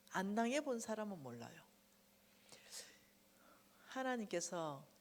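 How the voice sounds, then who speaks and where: In a church sanctuary with noticeable hall reverb and a little hiss or hum, a middle-aged woman speaks in a mid-range voice. She is the guest speaker at a revival meeting, giving a testimony sermon and telling her story vividly. She acts out quotes loudly in animated storytelling.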